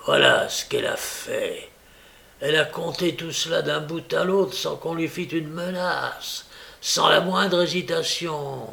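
A man's voice: on the high side, a little slow, vocal fry, sharp tone, exaggerated voice. A man doing a smug, drawling young informer. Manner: drawling, hesitant, rustic speech.

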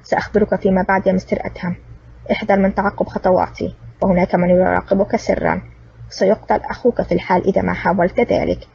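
Sly old wheelchair-bound villain read by a woman, gloating and mocking, fast and dark-voiced. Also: medium pitch, steady tone, creaky, slight background noise, lightly acted. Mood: sly menace. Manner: cunning, smug and mocking. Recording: distant, dull lo-fi recording.

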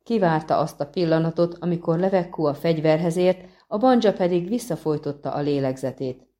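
A woman narrating an audiobook in a calm, measured reading. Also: deep voice. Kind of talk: scripted narration.

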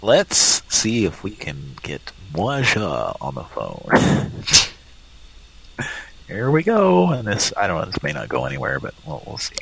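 This is a man with a low voice hosting a live call-in show. His pitch swings a lot as he makes sarcastic, joking, rambling asides into a desk microphone. A faint hiss sits underneath. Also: wildly swooping pitch, unhurried, creaky, fairly bright tone, poor audio. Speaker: host.

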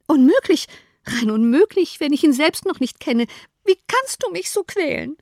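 A fussy mother in a storybook reading, excitable and quick to exclaim, as a woman reader puts her on. The voice jumps high and lands loud on its outbursts. It is recorded close and dry, with no room sound. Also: gravelly, dry recording. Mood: exasperated. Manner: shrill, exclamatory, high-strung. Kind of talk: audiobook character voice.

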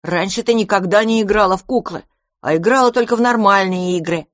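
A woman's voice: medium pitch, brisk, dry recording, clean studio sound, natural voice. A woman voicing a scornful, indignant little boy mouse.

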